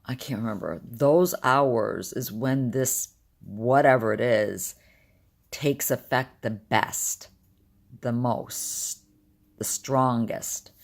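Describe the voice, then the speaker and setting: Short on sleep and weary, an older vlogger rambles candidly through a personal video diary. Her morning voice comes out deep and gravelly, like a smoker's.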